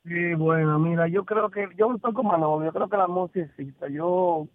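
A man's voice: sits high, moderate pace, dry recording. A man from the Dominican Republic calling in to a talk show, earnest as he tells his own story. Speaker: phone-in caller. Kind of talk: casual phone call. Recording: dry tinny phone line.

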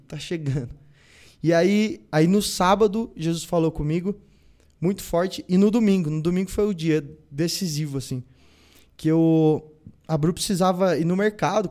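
Brazilian man telling his story, mellow voice. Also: high-pitched. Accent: Brazilian Portuguese. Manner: storytelling, acting out quoted dialogue. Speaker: guest. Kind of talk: personal faith testimony.

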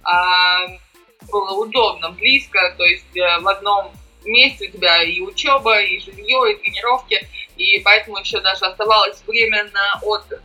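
A woman's voice: medium pitch, bright, forceful tone, husky, low-quality recording. A young woman answering interview questions casually, with a slushy, sh-like s from braces. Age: young adult. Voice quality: slushy lisp from new braces, sh-like s. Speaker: podcast guest, amateur triathlete and former swimmer.

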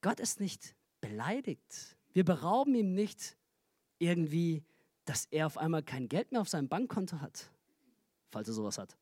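A man's voice: fairly high pitch, very animated, normal speed, a little mellow, no echo, clean studio sound. Joking man preaching from a church stage. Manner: humorous, chatty, laughs at own jokes. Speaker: pastor. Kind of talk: sermon.

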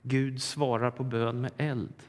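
A man's voice: mid-range voice, steady tone. A man preacher retelling a Bible story in a sermon, with vivid storytelling and long hall reverb.

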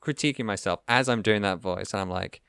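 A man's voice: lowish voice, brisk, vocal fry, a bit bright, clean tone, no room sound, clean studio sound. A male podcast host chatting casually in an enthusiastic, rambling way, with lots of fillers. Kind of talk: casual chat.

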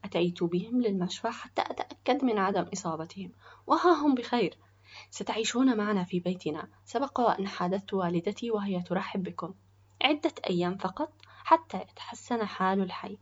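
A loyal, protective young man talks in a steady, reassuring way in a storybook tale, voiced by a woman. The voice is somewhat husky, and the sound is muffled and lo-fi. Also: mid-range voice, a little fast. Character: kind, loyal older male coworker, protective.

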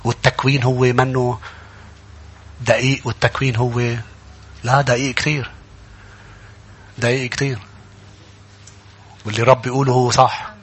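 A pastor preaching a sermon in church, animated and calling out to his congregation. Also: mid-range voice, moderate pace, pauses often.

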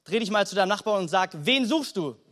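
Very high-voiced man preaching. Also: lively intonation, quick pace, fairly bright tone. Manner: direct, emphatic, keeps addressing the congregation with "hey". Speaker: pastor. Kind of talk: sermon. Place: church service before a congregation.

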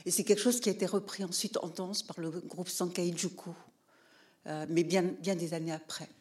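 A woman in the audience at a public talk sharing her view hesitantly, with many pauses and fillers, and calling herself shy. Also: lowish voice, steady tone, darkish tone. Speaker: audience member. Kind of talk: question-and-answer remark at a public talk.

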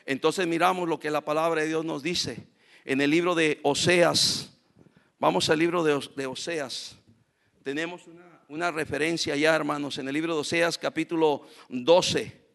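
An impassioned male preacher with a high, bright voice leads his congregation through a sermon. He moves between quiet explanatory stretches and loud, pleading cries, calling on his listeners as brothers and asking for amens. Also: steady tone, measured pace, gravelly. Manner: addresses congregation as brothers, calls for amen.

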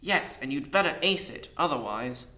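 A man voicing a sharp, evasive young woman who talks down to her captive. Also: a little high, lively intonation, normal speed, echoey room. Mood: curt. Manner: curt and condescending.

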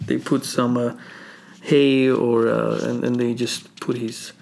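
A man co-hosting a casual talk, telling a history story in an animated way, with frequent laughter and many fillers. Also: mid-range voice, slow, vocal fry. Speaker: co-host.

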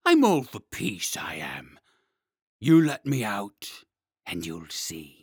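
A man reading aloud, voicing a lonely, gentle old male dragon who speaks low and slowly. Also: wildly swooping pitch, slightly rough, dry recording, studio quality, exaggerated voice. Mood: mild. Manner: low, slow and mild.

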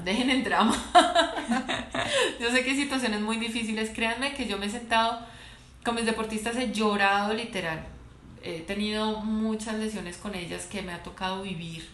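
Woman, sports doctor, chatty and playful storyteller; roomy echo, faint noise underneath. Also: mid-range voice. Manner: animated, laughs often, playful storytelling. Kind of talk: casual interview talk. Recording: echoey room, faint background noise.

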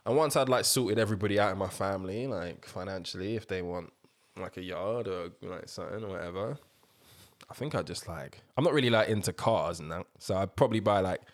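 A man's voice: low voice, fairly quick. A man with a London accent in casual banter, teasing his friends with slang and swearing.

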